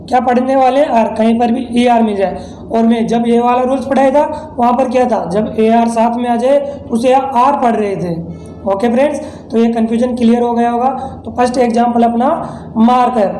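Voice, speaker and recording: A man's voice: very high voice, warm tone, roomy sound, slight background noise, rough recording. A man from India teaching English pronunciation in a lesson, explaining step by step and answering his own questions. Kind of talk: classroom-style lesson explanation.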